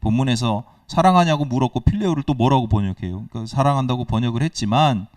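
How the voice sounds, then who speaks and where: A man's voice: medium pitch, fast, no room sound, distant mic. A male pastor preaching a sermon, explaining with questions to the congregation and acting out quoted dialogue. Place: church sanctuary. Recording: dry sound, speaker away from the mic.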